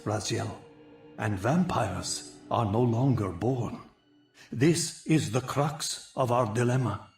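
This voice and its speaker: A man playing an ancient, gentle, sorrowful winged vampire guardian in a video game, speaking in solemn, formal, archaic phrases. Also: mid-range voice. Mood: grave lament. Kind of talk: dramatic video game voice acting. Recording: echoey, music underneath.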